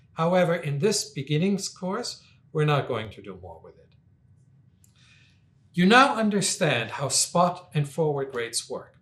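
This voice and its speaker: Lively lecturing man with dry humor. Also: fairly high pitch. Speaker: finance lecturer. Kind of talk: recorded lecture.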